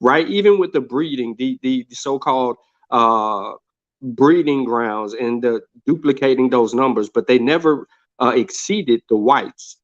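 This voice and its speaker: American man debating over dull, lo-fi audio. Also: medium pitch. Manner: dismissive, taunting, halting. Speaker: debate panelist. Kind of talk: informal live debate.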